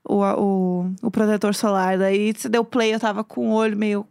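A woman's voice: mid-range voice, level tone, moderate pace, gravelly, darkish tone, clean tone, no echo, clean studio sound. A young woman with a São Paulo accent co-hosting a podcast, telling stories playfully with exaggerated intonation. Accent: São Paulo Brazilian Portuguese. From São Paulo, Brazil. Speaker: podcast co-host. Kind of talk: casual chat.

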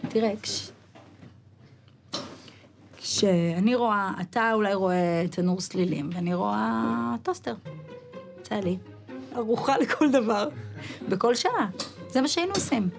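A woman comedian telling comic army stories in a lively way, acting out shouted drill calls. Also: mid-range voice, vocal fry, pauses often, faint music behind. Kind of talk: comic storytelling.

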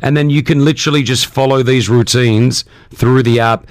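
A man's voice: mid-range voice, fairly even intonation, normal speed. A man hosting a morning radio show, chatty and enthusiastic. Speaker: radio host.

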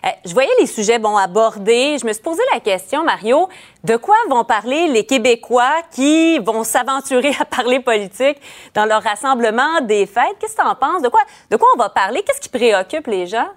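Female news host, Quebec French accent, fairly high voice, informal conversational interviewing style. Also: lively intonation, normal speed.

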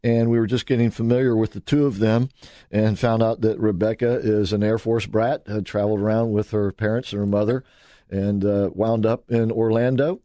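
Low, mellow man hosting a radio talk show. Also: flat delivery, no room sound. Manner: halting, restarts often. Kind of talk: casual radio interview.

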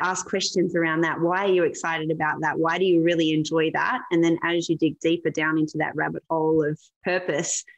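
Low, flat-voiced woman guest, earnest. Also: poor audio. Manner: earnest, motivational. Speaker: interview guest. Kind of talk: interview conversation.

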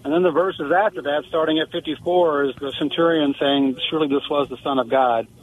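A man's voice: on the high side, fairly even intonation, fairly quick. A man calling in to a radio show over the phone, asking his question earnestly and searching for words. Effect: heard over the phone. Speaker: caller. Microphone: telephone. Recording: tinny phone line.

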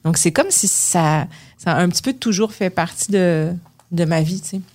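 A woman's voice: on the low side, moderate pace, darkish tone. A woman with a Quebec French accent, a guest in an interview, talking casually with many fillers, restarts and digressions. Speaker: actress and director, guest.

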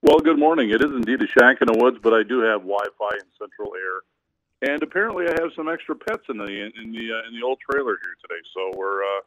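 Brief: lower-voiced male financial advisor on a phone line, rambling and hesitant, dry lo-fi sound. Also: expressive, fairly quick, a bit bright, no room sound. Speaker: financial advisor, regular guest. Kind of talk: casual radio chat. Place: cabin in the woods. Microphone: phone or internet call.

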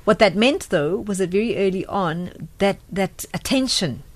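A woman's voice: mid-range voice, lively intonation, moderate pace. A woman hosting an interview, asking probing questions with frequent restarts and short affirming sounds. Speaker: interview host. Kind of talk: casual interview conversation.

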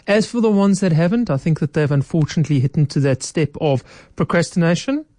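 A female radio studio guest with a low-sitting, mellow, soft-edged voice briskly walks listeners through financial advice in practical steps. The recording is close and dry, with no room sound.

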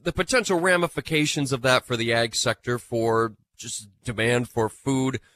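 A man's voice: mid-range voice, normal speed, fairly bright tone, a little hiss or hum. A man filling in as host of a live farm radio show, sounding nasal from a cold and talking in a chatty, self-mocking way.

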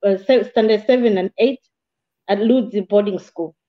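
A woman from Malawi tells her life story as an interview guest, in a measured, plain voice with the odd restart. Her voice sits in a middle register for a woman. The sound is a little dull and muffled. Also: medium pitch. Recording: slightly dull, muffled audio.

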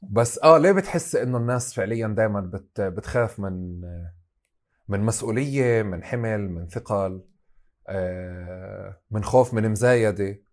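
Halting Palestinian Arabic man interviewing. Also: lowish voice, a little mellow. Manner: halting, reflective, circling around questions. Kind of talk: conversational interview.

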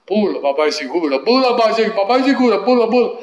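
A sing-song trickster father from an old stage sketch coaxes his son along, as a man acts him out, higher than a plain voice. The room around the voice is echoey. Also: big pitch swings, quick pace. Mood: coaxing.

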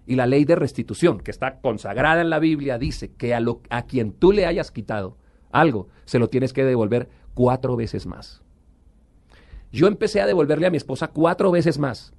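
A man's voice: medium pitch, darkish tone. A middle-aged man giving an earnest personal testimony as an interview guest, sometimes slipping into a preacher's manner.

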